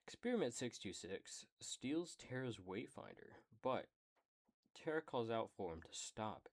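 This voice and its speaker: Male streamer, reading aloud; deep-ish voice, slow and relaxed delivery, casual with profane asides. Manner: casual, swears in side remarks.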